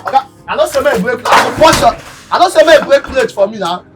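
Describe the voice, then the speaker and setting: A man's voice: high-pitched, lively intonation, fairly quick, very noisy. A man playing a pushy, irritable creditor in a comedy skit, speaking scolding Nigerian Pidgin with a Nigerian accent. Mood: angry, threatening.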